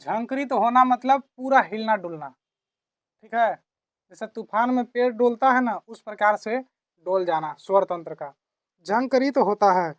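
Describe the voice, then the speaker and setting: A woman teacher talks through a grammar lesson at an unhurried, deliberate pace, saying key phrases twice over. She asks quick questions and answers them herself, and her voice sits fairly high for a woman, recorded close and dry. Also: lively intonation, no echo.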